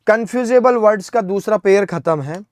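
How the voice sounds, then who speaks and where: In this exam-prep vocabulary lesson, an Indian-accented man walks through English words step by step, spelling each one letter by letter and often checking in with "है ना?". He speaks fairly quickly in a high-sitting voice. The recording is clean and studio-like, without echo.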